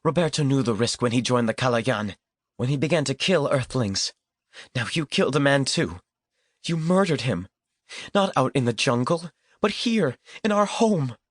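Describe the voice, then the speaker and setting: A man reading an audiobook, raising his voice high to play a defiant, scornful young village woman. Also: animated, measured pace, breathy edge, no room sound, studio quality.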